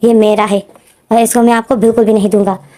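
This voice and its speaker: A woman's voice: a little high, little pitch movement, fairly quick, warm tone, close to an everyday voice. Woman voicing a frantic young father. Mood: possessive. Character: young man, emotional, fiercely protective new father.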